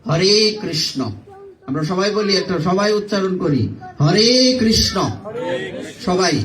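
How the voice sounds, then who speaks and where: A man with a Bangladeshi Bengali accent delivers a devotional sermon to a live crowd, his voice sitting a little high. He repeats words to drill their pronunciation and breaks into chanting. He sounds set back from the microphone. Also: normal speed, a bit bright, far from the mic. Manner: teaches by repetition, drilling pronunciation and chanting aloud. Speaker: preacher.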